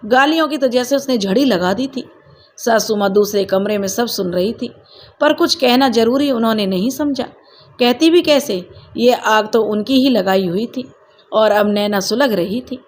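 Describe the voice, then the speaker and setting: A woman's voice: mid-range voice, darkish tone, a little hiss or hum. A woman narrating a sad family story in an emotive, dramatic way.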